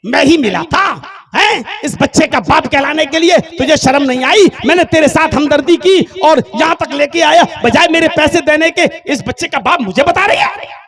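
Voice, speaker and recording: A man's voice: extremely high pitch, expressive, moderate pace, fairly bright tone, voice pushed up, exaggerated voice. A man voicing a hot-tempered taxi driver who scolds and rants. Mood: indignant. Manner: scolding, ranting.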